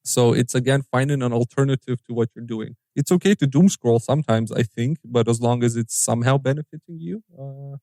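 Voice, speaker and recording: A man's voice: mid-range voice, fairly quick, few pauses, dark tone, no echo. A man co-hosting a podcast, talking earnestly and giving advice with some restarts. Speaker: podcast co-host. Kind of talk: casual podcast chat.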